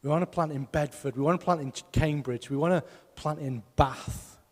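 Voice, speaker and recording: A man's voice: fairly high pitch, a little fast, in a large hall. A man preaching a sermon as pastor, emphatic and putting rhetorical questions to his congregation. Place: church hall.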